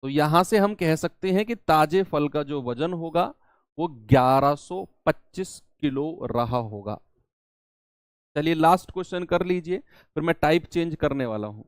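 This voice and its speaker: High-voiced teacher walking students through steps. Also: male voice, animated, unhurried, clear, resonant tone, no room sound, clean studio sound. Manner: talks students through each step, asks and answers own questions. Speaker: maths teacher. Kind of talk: exam-prep maths lesson.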